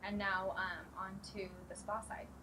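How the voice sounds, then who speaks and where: A woman's voice: medium pitch, flat delivery, measured pace. Woman from Arizona, salon owner, upbeat and chatty, mic set back, audible noise. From Arizona, USA. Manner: upbeat, chatty, loose with fillers. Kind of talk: casual interview answers. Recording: distant mic with noticeable noise.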